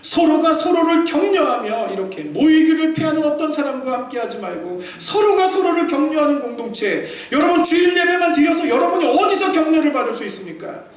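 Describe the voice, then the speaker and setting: A man from South Korea preaching a sermon as a pastor, animated and emphatic, swinging between loud peaks and quiet asides, acting out quoted remarks with humor. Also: extremely high pitch, a little fast, few pauses. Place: church sanctuary. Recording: echoey distant hall recording with faint noise.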